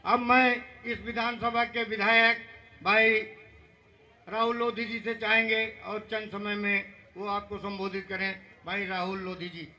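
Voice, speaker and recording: A man announces the speakers at a rally in a formal, respectful manner. His voice is fairly high and bright. The sound is dull and lo-fi. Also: little pitch movement, a little slow. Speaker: stage announcer. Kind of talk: formal introductions.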